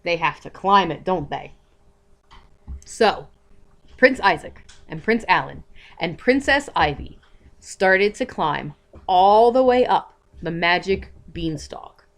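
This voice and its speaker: Young mom storyteller, unhurried, lively pitch, child-friendly. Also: female voice. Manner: slow, expressive, asks the child questions. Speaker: parent telling a bedtime story.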